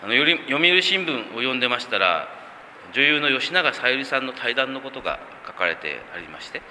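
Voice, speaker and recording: A man preaching a sermon and reading scripture in a very bright, clear voice at a middle pitch. He is measured and calm and pauses often on soft fillers. The long reverb of a church hall carries his voice, with faint traffic sounds outside. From Kumamoto, Japan. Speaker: pastor.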